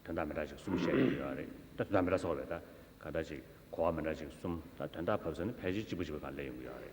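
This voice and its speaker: A Tibetan man giving a Buddhist teaching in turns with an interpreter, speaking haltingly with repeated words and filler syllables. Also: very deep voice. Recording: echoey hall, long reverb, faint noise.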